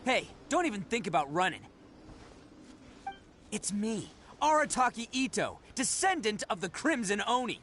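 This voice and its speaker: A man's voice: high-pitched, very animated, normal speed, a bit bright, a little hiss or hum. A man voicing a brash, cocky, boisterous male oni in an anime game, with bold, slangy talk. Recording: music under the voice.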